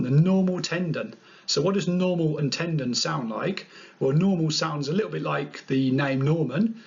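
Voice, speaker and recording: A man's voice: a little high, creaky. A man presenting a study tutorial in a playful, upbeat way. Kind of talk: narrated revision tutorial. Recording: dull lo-fi sound.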